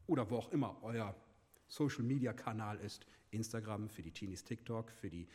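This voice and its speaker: A man giving a sermon, asking his listeners questions and dropping to a soft, hushed voice when he speaks God's words. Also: lowish voice, normal speed, big-room sound. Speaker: preacher.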